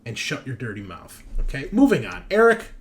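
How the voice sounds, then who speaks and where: Talking a little fast with huge pitch swings, a medium-pitched man hosts and runs the game on a tabletop roleplaying show. His chat is casual, profane, and opinionated, delivered as an emphatic rant full of "right?" and "okay?".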